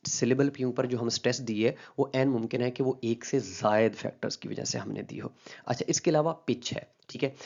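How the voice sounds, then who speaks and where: A man's voice: medium pitch, a little mellow, lo-fi sound. A man giving an explanatory linguistics lecture. He mixes in English terms and often stops to check that the listener is following. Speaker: linguistics teacher.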